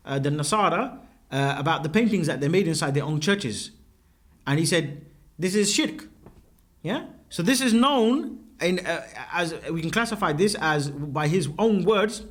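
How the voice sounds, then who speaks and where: Male lecturer, high and lively voice, explains terms one at a time and asks "yeah?" to check students follow. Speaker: religious teacher. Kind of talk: classroom lecture.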